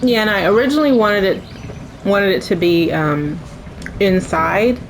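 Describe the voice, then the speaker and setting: A woman with the hiccups chatting casually about her park build, halting and correcting herself. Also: medium pitch, slight background noise, low-quality recording. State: has the hiccups. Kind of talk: casual chat over gameplay.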